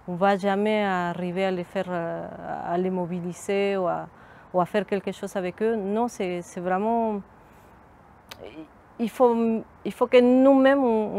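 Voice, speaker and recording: A middle-aged woman from Mexico, whose first language is Spanish, speaking French with a Mexican Spanish accent. She is a community outreach worker giving a thoughtful interview, pausing and restarting her phrases as she searches for words. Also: mid-range voice, a little mellow. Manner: thoughtful, hesitant, frequent restarts. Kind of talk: documentary interview testimony.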